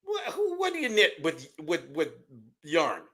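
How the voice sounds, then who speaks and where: A man co-hosts a studio podcast, chatting casually while he teases and jokes crudely. His voice sits a little high and sounds bright and forceful. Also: huge pitch swings, unhurried. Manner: teasing, crude, laughs a lot. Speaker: podcast co-host. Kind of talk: casual chat.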